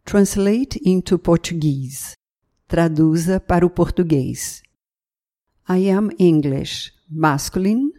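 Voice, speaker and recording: A Brazilian woman, a language teacher and podcast host, leads a scripted beginner lesson, enunciating each phrase slowly and carefully in two languages. Her low, mellow voice stays clear and even in a teacherly way, and nothing is rushed.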